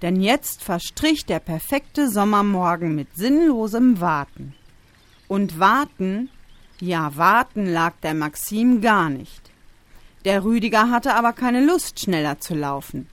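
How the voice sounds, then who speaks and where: A woman reading a children's story aloud with expressive storytelling. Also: medium pitch, slow, no echo. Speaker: narrator.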